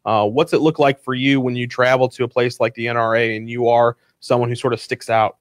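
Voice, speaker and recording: A man's voice: mid-range voice, level tone, brisk, dry recording. A man hosting a radio talk show in a studio, chatting casually and joking with his guest. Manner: joking, easygoing, laughs often. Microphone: studio microphone.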